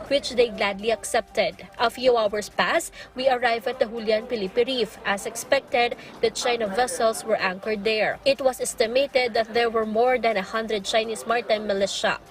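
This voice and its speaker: A woman's voice: on the high side, normal speed, few pauses. A woman reporter with a Filipino accent reading scripted news narration.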